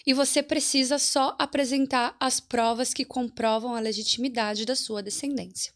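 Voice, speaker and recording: Brazilian lady walking thru a process step by step, patient, kinda high voice. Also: steady tone, moderate pace, a bit bright. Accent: Brazilian Portuguese. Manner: patient, explains step by step with many fillers. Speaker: citizenship consultant guest. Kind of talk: explanatory interview talk.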